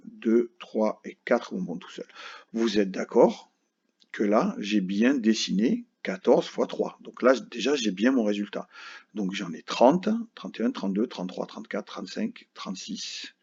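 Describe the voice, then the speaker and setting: On a dull lo-fi recording, a male primary school teacher explains a math lesson to children one step at a time, patiently checking in with repeated "d'accord?". His pitch is fairly low, and his tone is darkish and husky.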